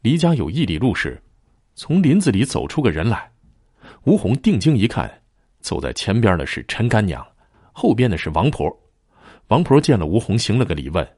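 A man tells a ghost story with dramatic flair, his pitch swinging widely. The voice is low and husky, and the recording is dry and close. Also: dry recording. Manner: dramatic, expressive.

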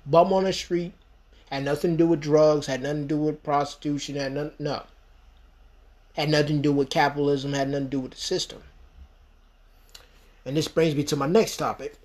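A man's voice: fairly high pitch, fairly even intonation, brisk, pauses often, a little mellow. A man in his thirties from the United States, talking alone on his podcast in a rambling, emphatic way, full of "you know" fillers. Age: 30s. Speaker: podcast host. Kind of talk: solo podcast monologue.

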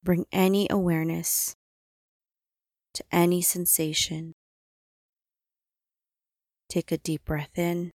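Slow, soothing woman guiding meditation. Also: on the low side, no echo, clean studio sound. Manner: calm, soothing, unhurried instructions with long pauses. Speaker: meditation guide. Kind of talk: guided body-scan meditation.

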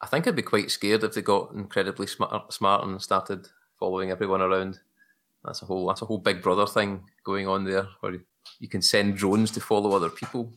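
A man with a thick Glaswegian accent chatting casually in a podcast conversation, relaxed and quick to laugh. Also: sits low. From Scotland.

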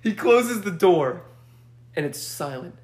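A young man telling a story in a casual chat, animated and laughing often as he acts out quotes. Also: sits high, takes it slowly. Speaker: podcast guest.

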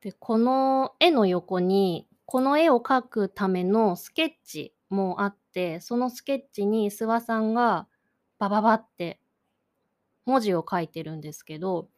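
A thoughtful woman talks alone into the mic, picking her words with care. Her voice sits at an ordinary middle pitch, and now and then it sinks to a hushed, almost whispered tone as she muses. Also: a little slow. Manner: thoughtful, searching for words, drifting to soft near-whispers. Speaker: podcast host. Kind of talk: reflective solo talk about an art exhibition.

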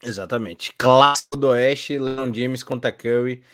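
A man's voice: mid-range voice, fairly even intonation, a little slow. A man with a Brazilian Portuguese accent, a sports commentator chatting casually, jokey and laid-back with many fillers. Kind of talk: casual chat.

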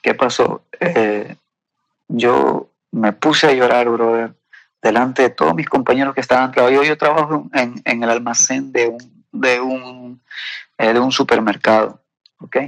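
A man with a gravelly, creaky voice tells a heartfelt personal testimony. He speaks haltingly and earnestly, often checking in with tag questions. The sound is close and dry, with no room echo. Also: mid-range voice, fairly even intonation, a bit bright. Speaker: guest sharing a personal testimony.

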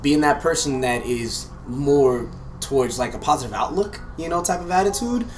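A man's voice: fairly high pitch, expressive, normal speed, a little hiss or hum. An American man reminiscing casually in a conversational way, often checking in with "you know".

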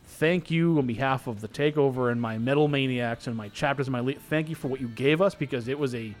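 A man's voice: medium pitch, fairly quick, faint music behind. A man with a Boston accent hosting a radio show in casual, jokey banter, rambling and repeating words, with some swearing.

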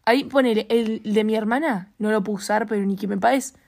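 A woman's voice: medium pitch, a little fast, creaky, a little mellow. A young woman with a Uruguayan Spanish accent, chatting casually and animatedly and asking playful questions. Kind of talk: casual chat.

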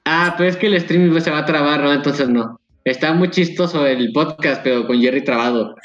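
A man's voice: on the high side, moderate pace, a bit bright, reverberant, lo-fi sound, faint music behind. A Mexican man co-hosting a live-streamed podcast, playfully mocking the others. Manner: playful, mocking, goofy wordplay. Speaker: podcast co-host. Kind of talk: casual group chat on a live stream.

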